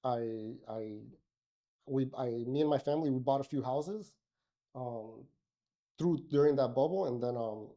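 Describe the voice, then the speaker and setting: A middle-aged podcast guest from Miami, Florida, speaks a little slowly in a mellow, mid-range voice, and the recording has its highs cut off. The talk is a casual interview, loose with fillers and restarts.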